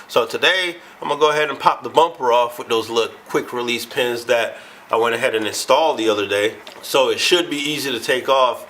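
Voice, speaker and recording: Man, stuffed-up nose, sick, low-energy, slow and loose, casual car vlog host, faint background hum. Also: a bit bright, rough recording.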